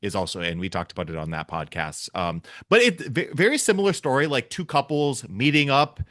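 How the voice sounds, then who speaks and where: A man's voice: medium pitch, sing-song, a little fast, fairly bright tone, no room sound, studio quality. A man hosting a casual podcast interview, rambling and enthusiastic with plenty of fillers. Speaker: podcast host.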